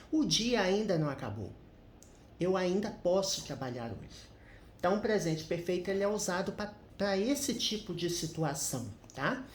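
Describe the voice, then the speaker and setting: A man's voice: sits high, reverberant, a little hiss or hum. A man teaching English grammar in a casual, chatty way, often adding little tag questions as he explains.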